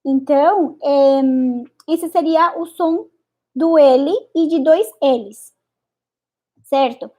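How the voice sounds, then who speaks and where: Woman teacher, high voice, slow unhurried delivery, repeats words with exaggerated articulation. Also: a little mellow. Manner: repeats each word several times, deliberately exaggerated articulation. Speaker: Spanish teacher. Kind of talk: pronunciation lesson.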